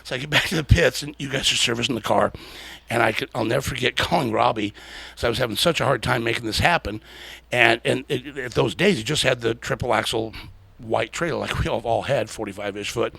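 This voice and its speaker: A man's voice: medium pitch, fairly quick, gravelly, sharp tone, breathy edge, dry recording. A man hosting a podcast, animatedly telling stories and laughing often as he talks. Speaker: podcast host. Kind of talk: casual storytelling interview.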